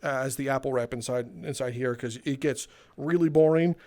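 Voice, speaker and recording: A man's voice: medium pitch, a little fast, a little mellow. A young man telling rambling, sardonic stories in a casual way while playing a game, swearing and laughing between them. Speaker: gaming video creator.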